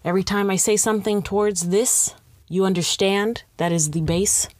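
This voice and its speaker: A woman's voice: mid-range voice, normal speed, a little mellow, no echo. A young woman telling a comic story about herself, rambling and self-mocking, drifting into playful tangents. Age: young adult. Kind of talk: comedic storytime monologue.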